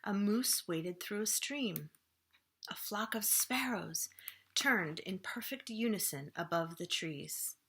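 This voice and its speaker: This is a woman reading a children's book aloud, librarian-fashion, at medium pitch and in an animated way. She builds suspense through dramatic pauses and slower, hushed phrasing.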